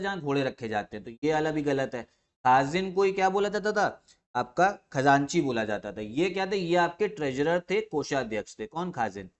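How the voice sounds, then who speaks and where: A male teacher with a somewhat high voice leads an exam revision lecture. He fires off his own questions, then answers them, repeating each key term for emphasis. He mixes in English words and often pauses to clear his throat.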